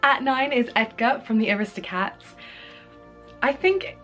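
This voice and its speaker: A woman's voice: a little high, a little slow, a bit bright, soft background music. A woman with a groggy, slightly congested voice from a cold and sore throat, chatting informally as she hosts a casual countdown vlog. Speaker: video host. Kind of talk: casual top ten list vlog.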